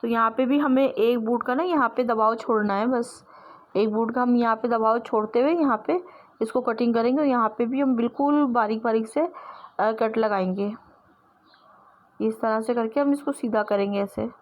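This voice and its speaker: A woman's voice: on the high side, moderate pace, lo-fi sound. A woman teaching sewing step by step, explaining patiently and repeating herself as she works with her hands.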